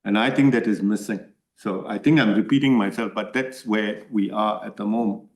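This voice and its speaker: Answering a parliamentary committee's questions as a submitter, a man from Malaysia speaks at normal speed in a voice on the low side. A native Tamil speaker, he is earnest and keeps asking "right?", with the room audibly echoey.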